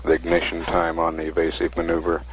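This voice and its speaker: An American man giving measured, matter-of-fact mission status commentary as a mission control announcer. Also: low-pitched, completely flat delivery. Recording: faintly noisy 1960s archive broadcast audio.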